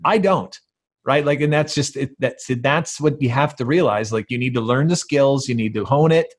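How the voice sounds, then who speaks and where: A man's voice: medium pitch, moderate pace. A man co-hosting a podcast in casual conversation, talking in an emphatic, rambling way full of fillers. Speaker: podcast co-host.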